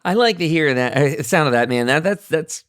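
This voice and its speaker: In a clean, dry studio recording, a man with a fairly high, slightly bright voice speaks briskly and expressively. He moderates a casual gaming roundtable podcast, rambling, hedging aloud, and repeatedly interrupting himself.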